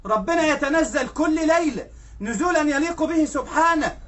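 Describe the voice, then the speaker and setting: A man's voice: very high-pitched, animated, moderate pace, a bit bright. A man with an Egyptian accent preaching a conversational sermon, telling stories and often checking in with his listeners. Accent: Egyptian Arabic. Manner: storytelling, keeps asking "right?". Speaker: sheikh preacher.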